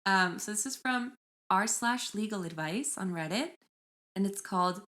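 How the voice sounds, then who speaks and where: Woman podcast co-host, mid pitch, chatty storyteller reading stories aloud. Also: moderate pace, bright, forceful tone. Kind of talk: casual chat and storytelling.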